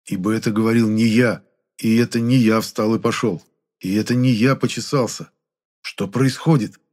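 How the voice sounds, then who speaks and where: Man, audiobook narrator, first-person story, slightly low voice, steady. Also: normal speed.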